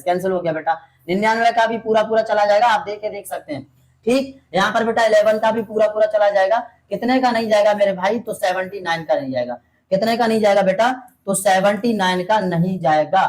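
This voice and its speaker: A man's voice: sits high, poor audio. A male maths teacher giving an online lesson, coaxing his students along, checking again and again whether they follow, and calling them fondly "beta" and "my brother".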